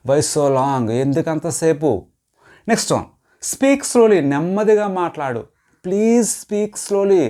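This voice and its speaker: Mellow-voiced male English teacher. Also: a little high. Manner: says each English phrase slowly, then explains it quickly. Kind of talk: spoken English lesson.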